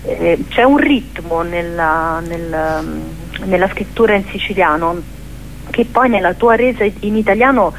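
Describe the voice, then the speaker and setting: A woman's voice: lowish voice, a little slow. A woman interviewing on radio in a reflective literary style, hesitant and often searching for her words. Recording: clearly noisy, humming background.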